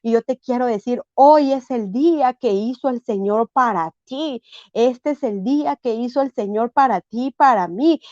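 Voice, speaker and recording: A woman's voice: fairly high pitch, normal speed, darkish tone, dry recording, dull audio. A woman preaching a sermon, often asking her listeners "right?" and acting out the voices of people in the story. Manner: preaching with frequent tag questions and dramatized quotes.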